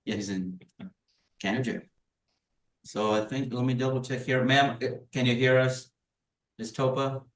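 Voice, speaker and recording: A man's voice: mid-range voice, steady tone, normal speed, long pauses. A man working as a court clerk, handling hearing logistics in a courtroom, heard at a distance with room echo. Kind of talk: courtroom housekeeping and oath. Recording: echoey, distant from the mic.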